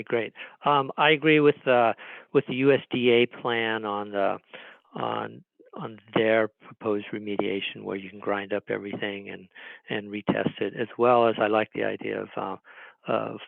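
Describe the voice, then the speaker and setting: A man calling in over a landline phone to give public comment at a meeting, speaking in a halting way with many restarts. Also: fairly low pitch, flat delivery, gravelly, no room sound. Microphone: landline telephone. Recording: tinny phone line, dry.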